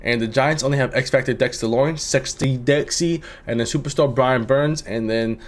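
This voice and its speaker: A man's voice: medium pitch, moderate pace. Laid-back rambling young man. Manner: laid-back and rambling, swearing, with sudden excited jumps. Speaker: gaming commentator. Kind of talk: casual game commentary.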